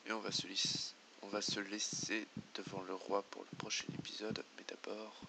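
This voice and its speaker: A man's voice: fairly low pitch, little pitch movement, moderate pace, creaky, heavy background noise. A man doing let's play commentary, muttering to himself and reading game menus aloud. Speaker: gamer.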